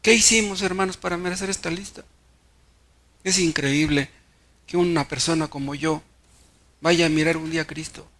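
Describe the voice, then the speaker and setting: A man's voice: a little high, fairly even intonation, moderate pace, long pauses, fairly bright tone. A Mexican pastor preaching a sermon, telling stories and asking the congregation rhetorical questions, often repeating words as he restarts.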